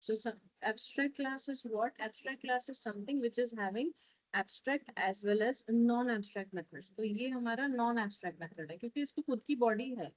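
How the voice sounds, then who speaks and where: A woman's voice: fairly high pitch, drawn-out words, no echo, low-quality recording. A woman with an Indian accent, teaching a programming class while coding live and checking often that her students follow. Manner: switches between Hindi and English, coaxing with frequent checks.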